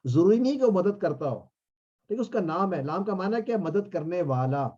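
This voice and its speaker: A man teaching a class, drilling phrases slowly and quizzing his students. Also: sits high, animated, dark tone, slightly rough, dull audio. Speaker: Arabic teacher.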